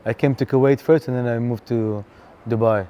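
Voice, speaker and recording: Laid-back DJ guest, man in his thirties, dark mellow tone, filler-heavy casual talk. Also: mid-range voice, fairly quick, slight background noise. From Canada. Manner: relaxed, chatty, lots of fillers and "bro". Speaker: DJ and venue co-founder, guest. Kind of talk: casual interview chat.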